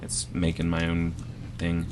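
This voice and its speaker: A man's voice: low voice, monotone, unhurried, a little mellow, slight background noise. A man who is a guest comedian, chatting casually on a podcast and telling rambling, self-deprecating anecdotes.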